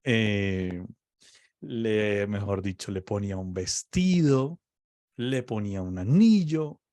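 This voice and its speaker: This preacher's voice is fairly low and somewhat dark, with no room sound. He talks about faith at an unhurried pace, explaining carefully and repeatedly asking "¿ok?" to confirm his listener is following.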